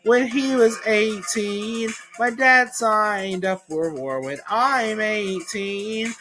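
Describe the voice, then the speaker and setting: A man's voice: high-pitched, slow pace, pushed and bright, rough recording. A young man of about eighteen sings comedic, self-mocking confessional songs. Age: late teens. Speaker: singer-songwriter. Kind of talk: comedic song performance. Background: faint music.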